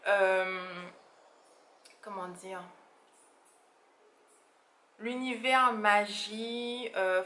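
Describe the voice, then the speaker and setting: A woman's voice: mid-range voice, fairly bright tone, roomy sound, a little hiss or hum. A woman chatting casually as a beauty vlogger, rambling with frequent fillers and laughs. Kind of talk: casual monthly favorites vlog.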